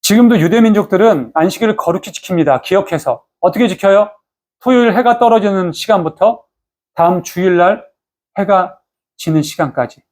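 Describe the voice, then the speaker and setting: Guy pastor w a high voice, chatty sermon, keeps talking straight to the people in the pews. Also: fairly quick, a little mellow. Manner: conversational storytelling, often addressing the congregation. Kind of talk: Sunday sermon. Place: church.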